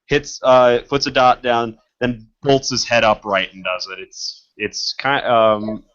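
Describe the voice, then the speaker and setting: A man's voice: mid-range voice, flat delivery, a little slow, a bit bright, muffled recording. Hesitant man running a tabletop game. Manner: hesitant, many ums and restarts. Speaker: game master. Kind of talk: narrating a tabletop game over voice chat.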